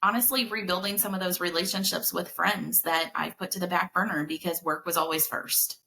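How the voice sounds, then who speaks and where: A woman's voice: on the low side, fairly even intonation, fairly quick, creaky, pushed and bright. A woman in her early forties, a podcast guest chatting casually and upbeat about her life. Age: 40s. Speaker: podcast guest, senior care advocate. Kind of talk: casual chat.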